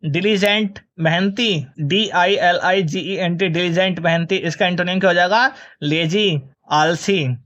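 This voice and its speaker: A man's voice: sits high, unhurried, fairly bright tone, highs cut off. A male teacher running a vocabulary lesson for exam students. He spells each word out letter by letter, then gives its meaning and its opposite, and calls the students children.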